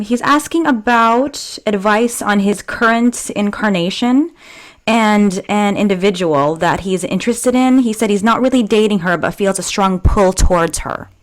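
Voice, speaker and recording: Lady host with an average pitched voice, reading out audience questions, casual. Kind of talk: casual spoken question-and-answer hosting.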